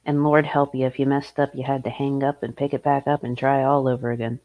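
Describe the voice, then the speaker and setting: A woman's voice: rumbling low, flat delivery, fairly quick, highs cut off. A woman with an American accent hosting casual comic commentary in a wry, informal manner. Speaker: host.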